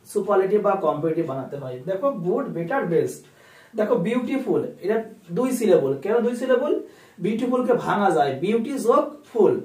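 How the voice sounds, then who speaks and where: A man's voice: high voice, a little mellow. Man, grammar teacher, repeats his own questions, echoey room. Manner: repeats key phrases, asks and answers own questions. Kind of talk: classroom lesson. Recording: roomy echo, a bit far from the mic.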